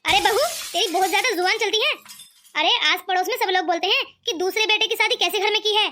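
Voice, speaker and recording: A woman's voice: extremely high pitch, fast, pushed and bright. A woman voicing a scheming, greedy middle-aged mother-in-law who scolds and taunts. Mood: scolding.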